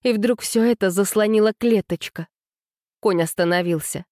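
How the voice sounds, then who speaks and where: A woman narrating a story in a steady, measured audiobook reading. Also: mid-range voice, no room sound, studio quality.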